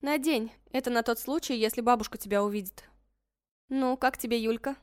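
A man's voice: very high voice, fairly quick, clean tone, no room sound, studio quality, pitched above the performer's own voice. A man voicing a protective, feisty teenage sister in an audiobook, coaxing and bossy by turns. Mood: chatty. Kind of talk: audiobook character voice.

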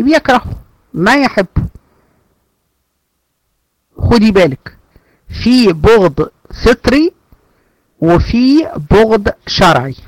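A woman's voice: mid-range voice, darkish tone, dry recording, poor audio. A woman teacher with an Egyptian Arabic accent gives a religious lesson. She keeps asking rhetorical questions and acts out little dialogues to explain her points. The recording is close and dry, with no room sound.

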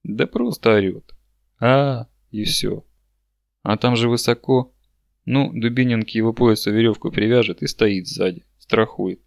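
A man voicing a blunt, talkative young male villager in a book reading, speaking loudly and roughly. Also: mid-range voice, steady tone, a little slow, dry recording, studio quality. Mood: telling story.

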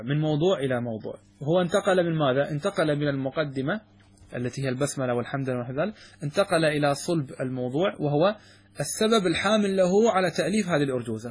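Middle-aged male sheikh, husky tone, lecturing on a classical text, asks and answers his own questions. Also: a little high. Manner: asks the students questions and answers them himself, repeats key words. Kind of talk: classroom lesson explaining verses.

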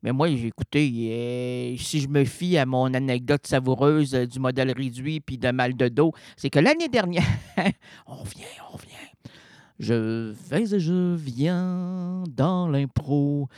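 A man's voice: medium pitch, moderate pace, no room sound, studio quality. A man with a Québécois accent hosting a late-night radio show, rambling playfully and correcting himself as he goes. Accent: Québécois French. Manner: playful, digressive, constantly self-correcting. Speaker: radio host. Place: radio studio.

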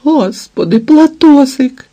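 A man reading an audiobook, voicing an older nanny woman who cries out in high, wailing tones. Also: animated, takes it slowly, creaky, warm tone, husky, full character voice. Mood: tearful joy. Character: elderly nanny woman, tearful and excitable.

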